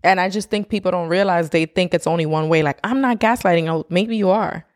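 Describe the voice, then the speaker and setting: A woman co-hosting a podcast, chatting in an animated, opinionated way. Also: on the low side, fairly quick, dry recording, clean studio sound. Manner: animated, opinionated, laughs often. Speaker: podcast co-host. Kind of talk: casual chat.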